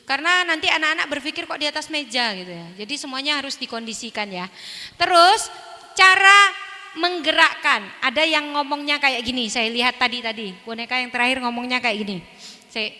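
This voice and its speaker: Casting: a woman workshop teacher, very bright and high, lively and chatty, recorded in an echoing hall. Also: fairly quick. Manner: lively, chatty, demonstrates as she talks. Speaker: ventriloquism instructor.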